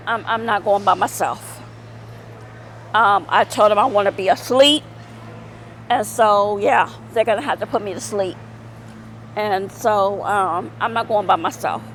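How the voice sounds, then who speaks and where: Woman, middle-aged, slow pace, rambling with fillers, casual vlog. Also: medium pitch, slight background noise, poor audio. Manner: rambling, many fillers and repeats. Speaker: vlogger.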